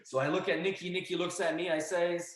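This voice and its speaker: A young man telling a story as a podcast guest, casual and animated, acting out the voices of the people in it. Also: high voice, brisk. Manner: animated, acts out dialogue and yelling. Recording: echoey room.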